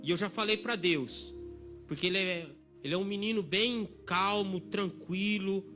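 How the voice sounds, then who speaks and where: A middle-aged man preaching a sermon at a church service, emphatic, dropping very soft for quoted lines. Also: high voice, normal speed, faint music behind. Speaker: pastor.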